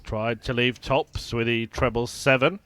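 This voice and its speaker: A man giving live darts commentary in measured, analytical short observations. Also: mid-range voice, steady tone, fairly bright tone.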